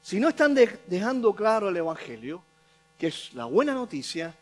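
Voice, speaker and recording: Male pastor with a very high voice, emphatic preaching that repeats its points. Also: sing-song, normal speed, soft background music. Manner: emphatic, repeating key phrases for stress. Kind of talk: sermon.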